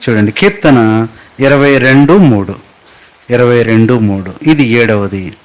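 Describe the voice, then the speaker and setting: A man preaching a sermon to a congregation in a church, asking them questions, having them repeat words and spelling terms out slowly, with loud high exclamations. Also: lively intonation, poor audio. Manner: spells out terms letter by letter, slow and drawn out; rises much higher and louder on exclamations. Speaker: pastor.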